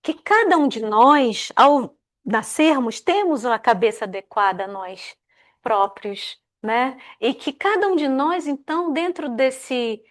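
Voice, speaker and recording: A woman's voice: high-pitched, unhurried. A woman telling a folk tale aloud. She acts out the characters' voices and often adds small tag questions. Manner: lively, acts out the characters' quoted lines; many fillers like "né?". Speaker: guest speaker telling a tale. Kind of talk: oral storytelling.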